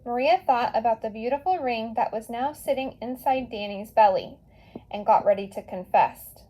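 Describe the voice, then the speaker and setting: A woman with a fairly high voice reads a storybook aloud for children. Her delivery is expressive and animated, with dramatic pauses for emphasis. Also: poor audio. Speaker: teacher reading a storybook aloud. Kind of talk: animated children's read-aloud with casual asides.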